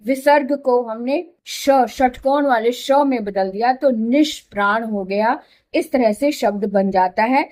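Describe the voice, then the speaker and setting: A woman's voice: sits high, darkish tone. A woman teaching a Hindi grammar lesson, patiently repeating letters and examples one by one. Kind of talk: slow explanatory lesson.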